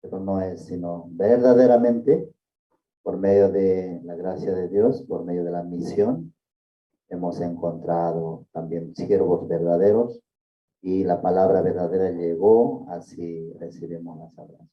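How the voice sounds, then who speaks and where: A man's voice: deep voice, steady tone, measured pace. A man leading a church service, thanking a speaker and formally introducing the pastor. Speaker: service leader. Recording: echoey hall from far off, dull sound.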